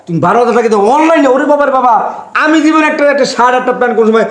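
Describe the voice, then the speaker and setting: A man's voice: extremely high pitch, racing. A man playing a hot-tempered, stingy grown son who berates his mother with a stream of rhetorical questions. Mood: scolding. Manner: scolding, hectoring rhetorical questions. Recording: echoey room.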